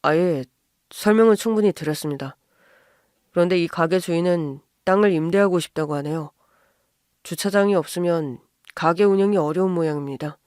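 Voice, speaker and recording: A woman's voice: lowish voice, normal speed, a little mellow, no room sound, studio quality, natural voice. A woman voicing a deferential male real estate agent who speaks formally. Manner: formal, respectful.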